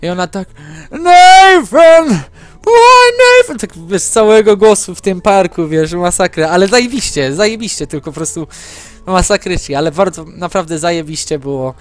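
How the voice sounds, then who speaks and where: A man's voice: high-pitched, a little fast. A young man hosting a gaming channel, rambling through a story in casual chat with lots of fillers while he plays.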